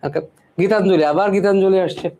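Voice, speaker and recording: Mellow-voiced teacher drilling spelling. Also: male voice, high voice, fairly even intonation, fast talker. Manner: repeats words and keeps asking "ঠিক আছে?". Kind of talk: spelling lesson.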